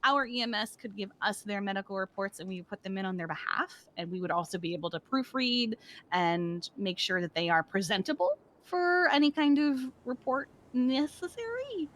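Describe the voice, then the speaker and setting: A woman's voice: mid-range voice, lively intonation, moderate pace. Woman, roleplay streamer; talks in character, rambling with lots of ums. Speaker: roleplay EMS command player.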